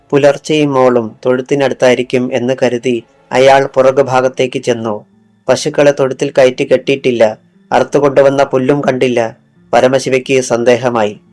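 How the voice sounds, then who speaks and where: With faint music beneath him, a man narrates a thriller audiobook from a script in a slightly mellow, medium-pitched voice, and he drops his voice for the quoted lines.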